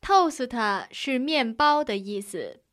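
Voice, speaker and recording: A strict young tutor. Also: female voice, on the high side, animated, slow pace, fairly bright tone. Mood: instructive. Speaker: tutor in a lesson dialogue.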